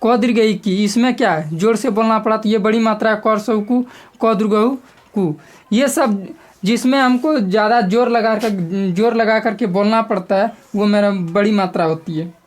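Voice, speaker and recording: A woman's voice: mid-range voice, moderate pace, a little mellow. A woman teacher giving a grammar lesson step by step, repeating key terms and asking the class questions.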